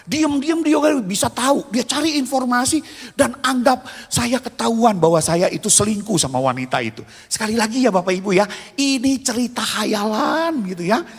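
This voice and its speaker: A man in his fifties preaching a sermon as a pastor, telling stories with animated swings between loud and hushed. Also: very high voice, moderate pace, husky. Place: church. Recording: long reverb of a church hall.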